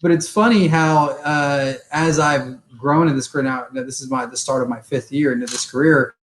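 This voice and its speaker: A man's voice: mid-range voice, steady tone, normal speed, low-quality recording. A man around forty hosting a podcast in casual chat, loose and chatty, swearing freely and tagging his points with "right?". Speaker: podcast host.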